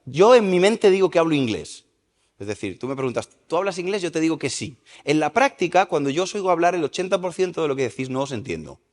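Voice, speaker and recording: A man's voice: a little high, fast. Spanish man preaching in a reverberant hall. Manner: lively, asks the congregation questions. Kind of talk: sermon. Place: church service in a large hall.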